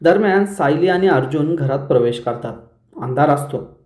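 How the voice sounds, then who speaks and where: A man hosting a serial review, retelling the episode scene by scene in a brisk storytelling manner. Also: a little high, lively intonation, darkish tone. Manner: brisk storyteller who briefly lifts his voice for quoted lines. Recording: roomy echo.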